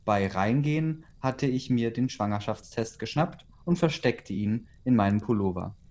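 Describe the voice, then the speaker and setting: A man reading a fan story aloud in a casual, even way, including the readers' comments. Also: mid-range voice, normal speed.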